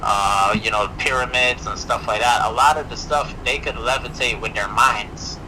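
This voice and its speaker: A man's voice: mid-range voice, steady tone, moderate pace, crowd noise. A male caller on a phone-in show, talking casually with many fillers, his call played through a speaker into the host's microphone. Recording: noisy call heard from a distance through a speaker.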